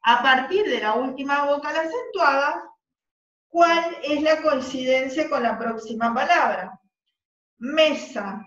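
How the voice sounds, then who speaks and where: A woman with a Rioplatense accent teaches a class in a high, slow voice, going over each point again and checking that the students follow. She sounds far from the mic, in an echoey room. The recording is dull and muffled. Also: fairly bright tone, slight background noise. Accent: Rioplatense Spanish. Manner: slow, patient, repeats key points and checks understanding. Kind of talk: classroom lesson.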